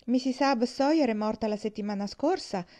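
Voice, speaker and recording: A woman's voice: on the high side, normal speed, warm tone, pitched above the performer's own voice, natural voice. A woman reading aloud, voicing a boy who mocks and teases another child. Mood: mocking. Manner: mocking. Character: teasing boy, mocking bully. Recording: dull lo-fi recording.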